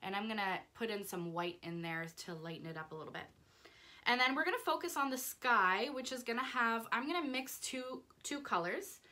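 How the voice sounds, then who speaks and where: A woman's voice: a little high, animated, fairly quick, pushed and bright. Canadian woman teaching a painting class. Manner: friendly, instructive, talks through each brushstroke. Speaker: painting instructor. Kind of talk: step-by-step painting tutorial. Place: indoor craft studio with paint shelves.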